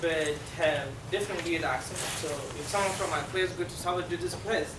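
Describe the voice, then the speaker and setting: A middle-aged South Sudanese man, a Dinka speaker, explains things to a class in a halting way, often pausing with fillers. His voice sits a little high for a man. The recording comes from a distance in an echoey room with a noisy background. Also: fairly even intonation. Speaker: guest speaker. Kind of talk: classroom presentation.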